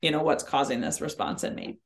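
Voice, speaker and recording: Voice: mid-range voice, big pitch swings, a little fast, creaky. A podcast host in a casual interview, listening attentively with frequent affirming murmurs.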